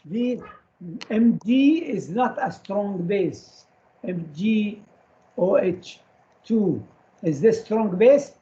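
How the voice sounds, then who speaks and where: A male chemistry lecturer talks at an unhurried, deliberate pace, stopping often to quiz the room with quick questions. He repeats names and terms over and over, and the recording sounds muffled and lo-fi. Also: sits high, lively intonation, mellow. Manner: quizzes students with short questions and repeats key terms. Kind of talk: classroom lecture.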